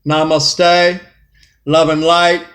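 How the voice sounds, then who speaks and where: A man's voice: fairly high pitch, little pitch movement, extremely slow, fairly bright tone. A man giving a casual tarot reading, talking straight to the viewer in a folksy way and repeating his phrases. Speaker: tarot reader. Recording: echoey room.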